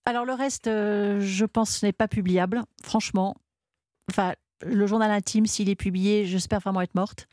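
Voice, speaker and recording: A woman's voice: mid-range voice, steady tone, normal speed, mellow, no room sound, clean studio sound. A woman author giving candid, thoughtful answers as a guest in a radio interview.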